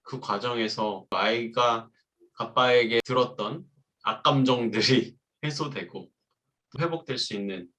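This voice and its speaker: Casting: father on a parenting talk show, bright clear tone, thoughtful and even. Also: mid-range voice, unhurried. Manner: reflective, acts out quoted lines. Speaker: host.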